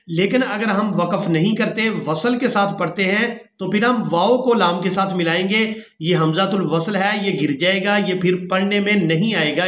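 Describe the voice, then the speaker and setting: A man teaching tajweed, spelling out letters and vowel marks, then chanting each verse slowly and melodically. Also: sits high, fairly bright tone. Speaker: Quran recitation teacher. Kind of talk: tajweed lesson with chanted recitation. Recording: echoey room.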